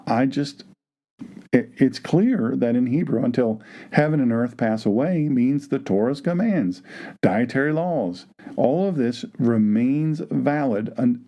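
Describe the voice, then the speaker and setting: A man teaching the Bible with animated emphasis, often repeating phrases to drive a point home. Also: medium pitch. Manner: acts out imagined objections in quoted voices.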